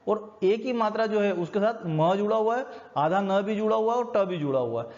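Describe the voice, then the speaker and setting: A male teacher with an Indian accent gives a recorded classroom lecture, patiently walking through each point step by step. His voice sits high for a man. The recording is dull and lo-fi. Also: a little mellow. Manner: patient step-by-step explaining, mixing Hindi and English. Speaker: school teacher.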